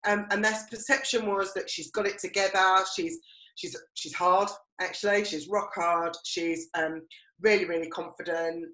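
A woman's voice: lowish voice, steady tone, moderate pace, pushed and bright. A middle-aged woman with an Essex accent, co-hosting a podcast and telling personal stories in a conversational way. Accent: Essex English. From Romford, Essex, England. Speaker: podcast co-host. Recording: roomy, echoey sound.

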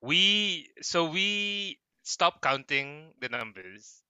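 A man's voice: a little high, lively intonation, drawn-out words, pushed and bright, clear, resonant tone, no room sound. A man from Brunei, co-hosting a podcast in an easygoing way and laughing often. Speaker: podcast co-host and teacher. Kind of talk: casual podcast banter.

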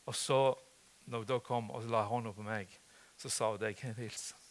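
An older man preaching a sermon in an earnest, personal way, dropping to soft near-whispers and rising to loud emotional calls. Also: fairly low pitch, steady tone.

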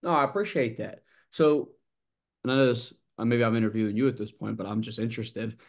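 A man's voice: mid-range voice, steady tone, brisk, creaky. A man hosting a podcast, asking curious questions and admiring his guest's numbers. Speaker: podcast host. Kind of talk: casual podcast interview.

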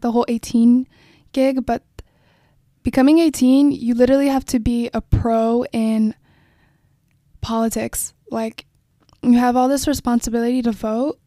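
A woman's voice: fairly high pitch, mellow, no room sound, studio quality. A young woman in her late teens hosting a casual solo podcast, rambling and reflective with frequent fillers. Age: young adult. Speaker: podcast host. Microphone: phone and microphone.

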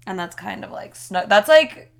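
A woman's voice: medium pitch, animated, normal speed, gravelly. A woman chatting casually on a podcast, rambling and full of "like", who is losing her voice and laughs often. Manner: rambling, peppered with "like". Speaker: podcast co-host. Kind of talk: casual chat.

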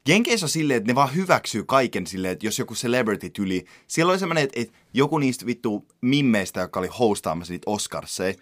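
A man's voice: medium pitch, very animated, few pauses, fairly bright tone, no echo. A young man co-hosting a podcast in casual chat, joking and swearing heavily as he tells stories. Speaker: podcast co-host.

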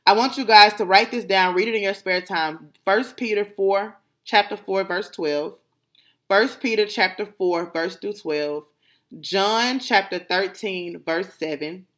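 A woman's voice: mid-range voice, unhurried, a bit bright. A woman hosting her podcast, speaking in casual motivational chat with emphatic, preachy affirmations. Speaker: podcast host.

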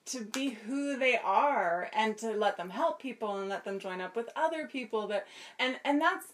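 A woman talking casually and informally as a podcast guest, telling things in an animated way. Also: fairly high pitch, normal speed. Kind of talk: casual chat.

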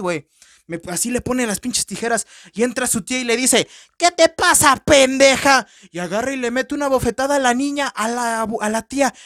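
A man with a Mexican Spanish accent hosting a low-budget podcast, reviewing a film in a crude, profane, joking way. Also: a bit bright, clean tone, no echo, clean studio sound. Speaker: podcast host. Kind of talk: casual film review rant. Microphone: podcast microphone.

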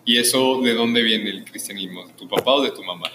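Interviewer: man, bright forceful voice, friendly chatty questions, echoey room. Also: fairly low pitch, a little fast, slight background noise. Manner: chatty and encouraging, says "qué padre" a lot. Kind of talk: casual interview.

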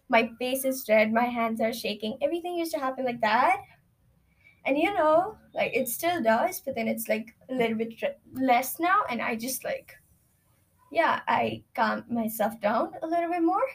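A teenage girl talking casually into a recording, rambling and reflective with lots of fillers. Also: sits high. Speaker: student.

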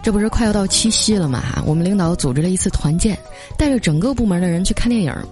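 A young woman hosts her own podcast, telling funny everyday anecdotes in a chatty, storytelling way. Her voice sits at a middle pitch. Soft background music plays under her talk. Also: animated, quick pace. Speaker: podcast host.

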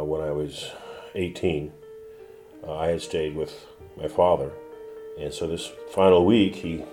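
Deep, mellow-voiced reflective man. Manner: reflective, measured, with pauses and restarts. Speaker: defense attorney, former prosecutor. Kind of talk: personal storytelling in an interview. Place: his law office.

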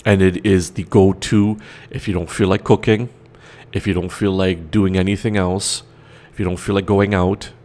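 A man's voice: deep voice, flat delivery, moderate pace, darkish tone. A man hosting a casual solo radio show, with an emphatic way of repeating phrases. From Trinidad. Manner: slight twang.

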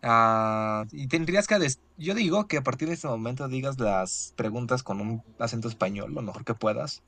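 A man's voice: medium pitch, animated, normal speed, a bit bright. A young Mexican man playing a quiz with friends, making sarcastic, mocking remarks. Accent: Mexican Spanish. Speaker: quiz player. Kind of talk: casual banter among friends.

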